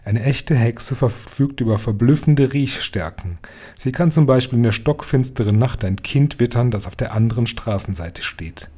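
A man's voice: medium pitch, moderate pace, warm tone, breathy edge, natural voice. A man voicing a stern, knowing old grandmother who gives grave, matter-of-fact warnings in a storybook. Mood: explaining.

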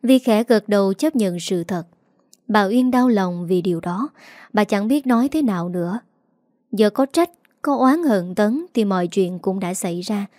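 A woman narrating a scripted audiobook in an even, steady storytelling manner. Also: medium pitch, no room sound, studio quality.

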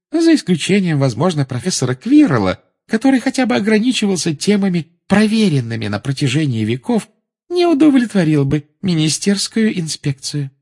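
A man putting on a cloying, icy female inspector, high and drawn out. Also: darkish tone, heavily acted. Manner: silky, cloying, coldly polite. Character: prim cold-sweet female school inspector. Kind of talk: audiobook character voice.

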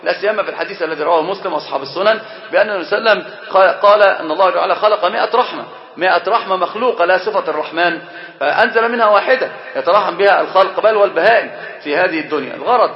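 A man with a high voice teaches a religious text quickly and with energy. The recording is roomy and dull, like an older lo-fi lecture tape. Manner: animated, acts out quoted speech. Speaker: sheikh teaching a book. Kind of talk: Islamic lecture.

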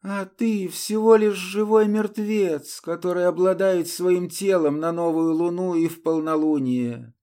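A fierce, defiant young woman, as a male reader puts her on in an audiobook. The voice is pitched well above his own and pushed loud and strained, desperate and unyielding. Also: steady tone, measured pace, hardly any pauses, clean tone. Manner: raised, strained, defiant outbursts. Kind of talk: audiobook character voice.

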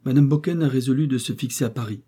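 Male reader doing formal notary, imperturbable, stiff, dark husky voice, audiobook. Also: medium pitch, quick pace, voice pushed up, close to an everyday voice. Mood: composed. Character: calm, stiff provincial notary, middle-aged man. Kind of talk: audiobook character voice.

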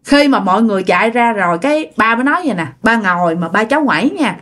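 A woman's voice: on the high side, expressive, fast, fairly bright tone. Chatty woman telling ghost stories. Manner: chatty, addresses listeners directly, dramatic. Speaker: storyteller. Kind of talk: oral ghost story narration.

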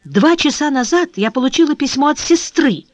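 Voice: sits high, lively intonation, moderate pace, dry recording, voice pushed up. A reader voicing a frightened young woman who pleads tearfully for her fiancé in an audiobook. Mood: anxious. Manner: trembling, imploring, tearful. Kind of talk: audiobook reading.

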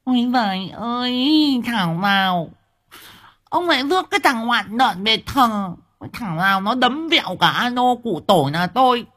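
A man voicing a shrill, nagging middle-aged village wife who shrieks insults at her husband. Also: animated, normal speed, pushed and bright, full character voice. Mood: exasperated wailing.

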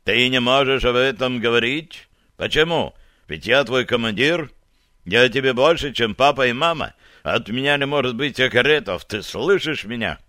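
A man voicing a stern, loud army sergeant who interrogates a private with slow, heavy commands in a dry, close recording. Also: mid-range voice, expressive, dry recording. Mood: coaxing. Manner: barking orders slowly and sternly.

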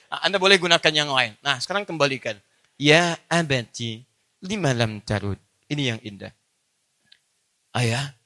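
A man delivers a religious study lecture in a high, bright voice. He talks straight to his audience and keeps asking them rhetorical questions, with a clear, ringing tone. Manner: addresses listeners directly with rhetorical questions. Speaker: Islamic preacher.

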